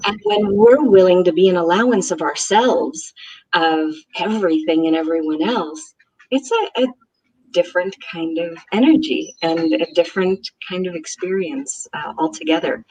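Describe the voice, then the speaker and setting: A woman's voice: on the low side, lively intonation, a little slow, darkish tone, slightly rough, poor audio. A woman born in Israel and raised in the United States, co-hosting a casual online conversation with emphatic enthusiasm. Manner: emphatic, enthusiastic, hesitant fillers. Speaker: co-host.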